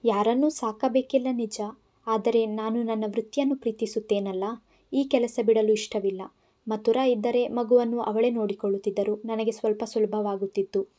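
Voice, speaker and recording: A woman's voice: a little high, fairly even intonation, moderate pace, warm tone, close to an everyday voice. A woman voicing a tired young working wife in an audio story, speaking in a weary, pleading way.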